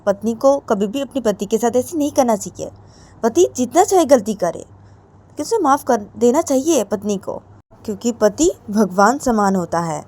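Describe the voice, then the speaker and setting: A woman's voice: a little high, lively intonation, moderate pace, darkish tone, voice pushed up. A woman voicing a middle-aged mother who lectures her daughter, drawing out her advice and pleading with repeated tags. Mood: preachy. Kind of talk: amateur storytelling with acted voices.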